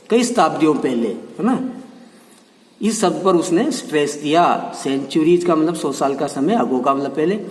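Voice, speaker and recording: A man's voice: fairly high pitch, darkish tone, far from the mic. Man teaching a lesson in an echoey room. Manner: reads English lines slowly, then explains in Hindi; repeats meanings with frequent check-ins. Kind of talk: Hindi-English textbook lesson.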